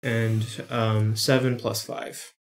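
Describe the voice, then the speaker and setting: A man playing a tabletop role-playing game, describing his character's attacks hesitantly with many pauses. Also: fairly low pitch, little pitch movement, roomy sound. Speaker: player. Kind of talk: casual tabletop play.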